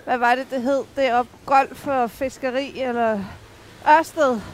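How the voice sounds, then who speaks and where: A woman's voice: fairly even intonation, poor audio. A woman, chatting casually and telling small anecdotes while out by the water. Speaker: angler. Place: outdoors by the water. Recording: outdoor ambient noise, vehicle rumble.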